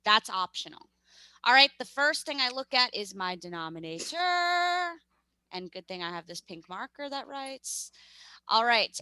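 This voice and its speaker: A woman's voice: a little high, bright, forceful tone, clear, resonant tone, no room sound. A young woman with a New York accent teaching a math lesson over a video call, chatty and upbeat, often correcting herself.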